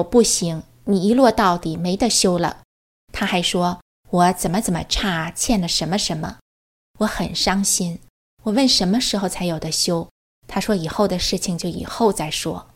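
A woman's voice: fairly low pitch, breathy edge. A woman giving an earnest personal testimony, telling her story and quoting what others said to her. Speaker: religious practitioner sharing her experience.

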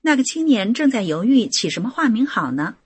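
Very husky woman reading aloud. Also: on the high side, big pitch swings, a little fast, no room sound. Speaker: article reader. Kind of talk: scripted narration of a personal account.

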